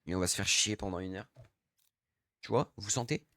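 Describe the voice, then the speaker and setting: A man's voice: lowish voice, moderate pace, a bit bright, no echo. A young man streaming a shooter game, grumbling in casual slangy chat to himself and his teammates.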